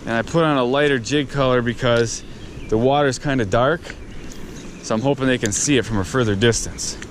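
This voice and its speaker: A fishing video host with a medium-pitched voice talks briskly, giving excited, chatty on-the-spot commentary while fishing from a riverbank and a fallen tree. He addresses his viewers directly, recorded on a head- or chest-mounted action camera whose outdoor mic picks up river and wind noise.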